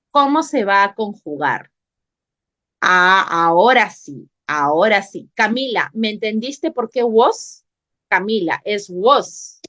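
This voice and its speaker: Patient woman teacher, slow and lively. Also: medium pitch. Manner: patient, repeats questions and calls on students by name. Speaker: English teacher. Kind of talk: online class teaching. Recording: dull lo-fi online class audio.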